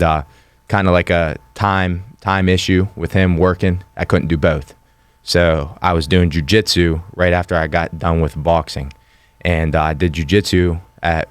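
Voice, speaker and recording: Young guy in his 20s from western pennsylvania, real low flat voice, smooth, just telling his story straight. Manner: plain, matter-of-fact storytelling. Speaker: guest, fighter. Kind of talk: casual interview.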